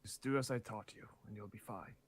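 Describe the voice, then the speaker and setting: A man voicing a kindly adventurer who gently reassures a child, speaking low and soft in tabletop role-play. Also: a little fast, close to an everyday voice. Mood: reassuring. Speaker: tabletop player in character.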